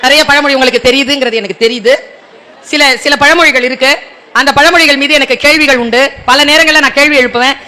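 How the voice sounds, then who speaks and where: A man with a strikingly high voice delivers a motivational speech to a room of students. His tone is bright and forceful, and he keeps turning to the audience with pointed rhetorical questions, slipping into quick acted dialogues to make his point. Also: fairly even intonation, a faint crowd. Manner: rhetorical, quizzes the audience directly; acts out short dialogues in between. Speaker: motivational speaker addressing students.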